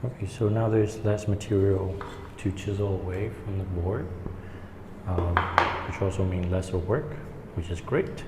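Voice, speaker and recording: A man giving a hands-on woodworking tutorial in an echoing stairwell, explaining step by step in a casual, halting way. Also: low-pitched. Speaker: woodworking instructor. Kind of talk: hands-on tutorial, talking while working. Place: indoor staircase with strong echo. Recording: echoey stairwell, long reverb, background noise.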